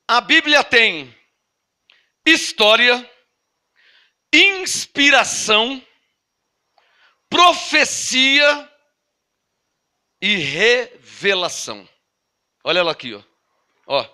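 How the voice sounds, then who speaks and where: A man preaching a sermon as pastor, leading his congregation through Bible verses, asking them to repeat after him and drawing out key words slowly between quick asides. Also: extremely high pitch, animated, bright, forceful tone, clear, resonant tone. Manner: teaching, asks congregation to repeat and read along; slow emphatic stress on key words, then quick asides.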